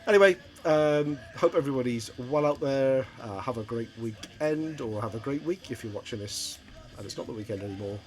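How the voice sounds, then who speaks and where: Middle-aged vlogger, mid-pitched and halting, lots of ums, faint guitar music underneath. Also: male voice, darkish tone. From Wales. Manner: rambling, hesitant, many ums and restarts. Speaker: vinyl collector vlogger. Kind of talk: casual show-and-tell vlog.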